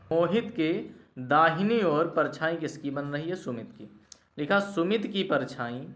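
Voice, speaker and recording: A male teacher walks through reasoning problems one step at a time, pausing to ask whether his students have understood. His voice sits a little high for a man. The sound carries the echo of a bare room. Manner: explains step by step, asks "clear?" to check understanding. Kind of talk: classroom lecture explaining reasoning problems.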